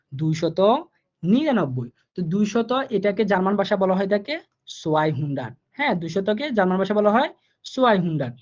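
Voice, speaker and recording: A man teaching German numbers in a live online class, explaining each step slowly, repeating himself and asking the students questions. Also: sits high, darkish tone. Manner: repetitive, patient, asks the students questions. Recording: dull lo-fi online class audio.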